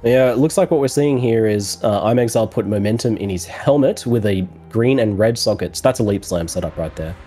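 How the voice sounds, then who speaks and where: A man with a scratchy voice from a cold, commentating an esports race in a measured, analytical way with some fillers. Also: fairly low pitch, mellow, breathy edge, soft background music.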